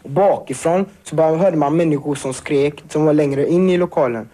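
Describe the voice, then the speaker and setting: A teenage boy giving a halting personal account, full of fillers and restarts. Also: a little high, dark tone. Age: teens. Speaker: survivor interviewee.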